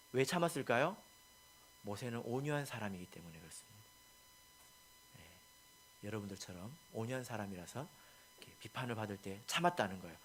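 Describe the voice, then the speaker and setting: A man, a pastor, preaching a sermon, asking the congregation questions and moving from soft asides to loud, emphatic lines. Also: medium pitch. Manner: asks the congregation rhetorical questions.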